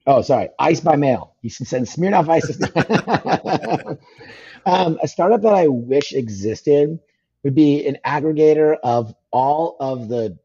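A man talking fast as a podcast guest, rambling with lots of fillers and restarts. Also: fairly high pitch, lively intonation, warm tone, slightly rough, muffled recording. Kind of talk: casual podcast conversation. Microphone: phone call.

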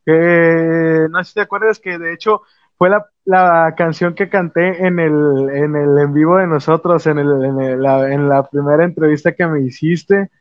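Young man, fairly high voice, hesitant, many fillers, dry lo-fi sound. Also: fairly even intonation, measured pace, no echo. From Mexico. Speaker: musician guest. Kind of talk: casual interview answers.

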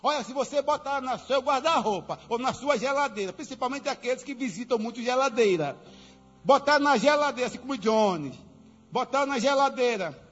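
Emphatic high-voiced male preacher. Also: lively intonation, fairly quick. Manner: emphatic preaching with sudden loud commands and playful asides. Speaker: pastor. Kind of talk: sermon. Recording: dull reverberant hall with faint music.

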